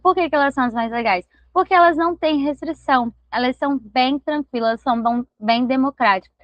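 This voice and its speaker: Teacher, woman, fairly high voice, patient step-by-step explainer, dry close mic, slightly dull audio. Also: a little fast, no echo. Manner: patient, explains step by step and checks understanding often. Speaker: Portuguese language teacher. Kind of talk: online grammar lesson.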